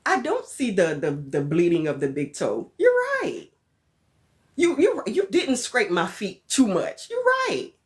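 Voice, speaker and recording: A woman's voice: mid-range voice, huge pitch swings, measured pace. A woman playing a meek salon customer who agrees with everything in a falsely cheerful way. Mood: meekly agreeable.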